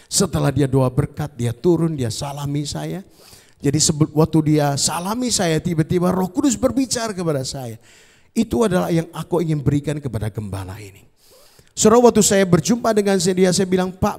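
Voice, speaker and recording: Male pastor, sermon delivery, storytelling with frequent asides to the congregation, gravelly and slightly high voice, long hall reverb. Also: a little mellow. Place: large church auditorium.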